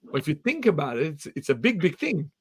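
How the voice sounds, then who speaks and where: Upbeat male interview host, higher voice. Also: very animated, quick pace, husky. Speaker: podcast host. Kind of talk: live interview.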